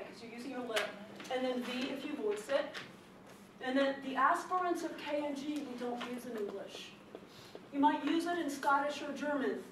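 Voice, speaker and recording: A woman teaching a classroom speech lesson on pronunciation, lively and emphatic, repeating her key points. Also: high voice. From not from the Chicago area. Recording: echoey classroom, distant mic, background noise.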